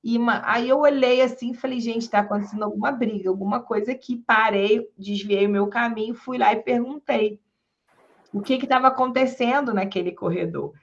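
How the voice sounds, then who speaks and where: A woman, a public defender, giving a lecture and telling stories from her career in a lively way, acting out the people she quotes, with a Rio de Janeiro accent. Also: fairly high pitch, a little fast. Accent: Rio de Janeiro Portuguese. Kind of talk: storytelling lecture. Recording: dull lo-fi sound.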